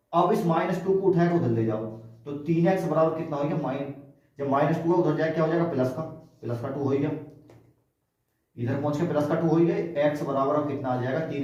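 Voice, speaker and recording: A man's voice: fairly high pitch, a little mellow, dull audio. A man with a North Indian Hindi accent teaching a math class, explaining each step with questions to his students and bragging about his teaching. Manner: step-by-step explaining with rhetorical questions, boastful asides. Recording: very echoey room, voice from far off the mic.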